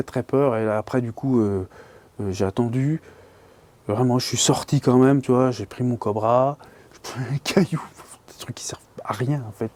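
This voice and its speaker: A man's voice: mid-range voice, darkish tone. A man casually telling a scary fishing-trip anecdote, rambling and colloquial with lots of fillers, sometimes dropping to a whisper. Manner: drops to whispers at tense moments. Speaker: angler telling a story.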